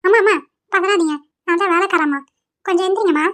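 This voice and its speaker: A woman voicing a chatty middle-aged housemaid in a cartoon, talking in a shrill, grumbling way. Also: quick pace, fairly bright tone. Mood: fussing.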